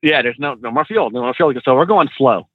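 A man's voice: medium pitch, animated, a little fast, dry recording. Casual male trucker-trainer guest, loose and slangy with lots of restarts, heard over a thin phone-like line with no room sound. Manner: laid-back, slangy, many fillers and restarts. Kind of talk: casual storytelling.

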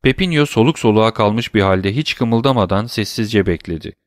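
A man narrating a classic novel as an audiobook in a measured, steady reading. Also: lowish voice, no room sound, clean studio sound.

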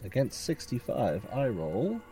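A man's voice: mid-range voice, big pitch swings, a little slow, music in the background. A man playing a tabletop horror game, describing his character's actions in a wry, hesitant way. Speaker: player.

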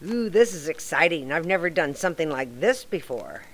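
An actress playing an eager, excitable rookie agent with a sarcastic streak in an amateur audio drama. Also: female voice, low voice, moderate pace, slight background noise.

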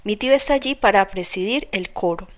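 A woman's voice: mid-range voice, a little fast, close to an everyday voice. A woman reading a blunt talkative young man. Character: loyal boisterous young male friend, blunt.

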